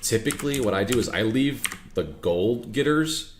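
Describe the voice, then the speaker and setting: A man's voice: mid-range voice, animated, moderate pace. A man hosting a casual gameplay chat, explaining strategy in a loose, laid-back way with casual swearing. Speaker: host explaining a strategy game. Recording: echoey room with noise behind.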